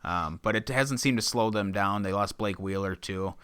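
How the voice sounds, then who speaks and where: A man's voice: on the low side, moderate pace, a bit bright, clear, resonant tone, dry recording. A man co-hosting a casual sports podcast, laying out points and steering the talk. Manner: steers the conversation, lays out points. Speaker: podcast co-host.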